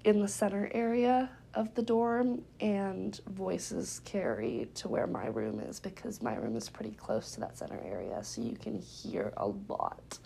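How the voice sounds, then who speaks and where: A woman's voice: medium pitch, expressive, measured pace, creaky, hardly any pauses, warm tone, slight background noise. A young woman hosting a casual solo podcast from her dorm room, sounding stuffy and congested, chatty with lots of filler words. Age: young adult. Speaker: podcast host.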